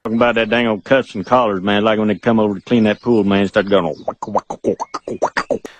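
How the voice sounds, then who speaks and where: An actor playing a laid-back Southern man with a Southern accent, speaking in a mumbled run-on drawl full of repeated fillers in an animated sitcom. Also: on the low side, fairly quick, lightly acted. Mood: rambling.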